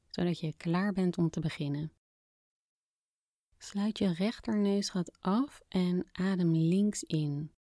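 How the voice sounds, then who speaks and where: A woman speaking softly and gently as a podcast host guiding a calming breathing exercise, with phrase endings that fade toward a whisper. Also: lowish voice, dry recording, studio quality. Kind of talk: soft, soothing guided relaxation narration.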